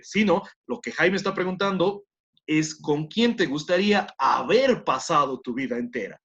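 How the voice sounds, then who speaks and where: A man's voice: mid-range voice, fairly bright tone. Encouraging man teaching English, muffled audio. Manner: encouraging, repeats praise, switches between Spanish and English. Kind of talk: bilingual classroom instruction.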